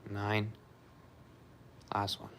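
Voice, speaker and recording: Low-key guy doing an exercise demo, kinda monotone n slow, murmured counting, bit of noise behind. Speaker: vlogger recovering from surgery, demonstrating exercises.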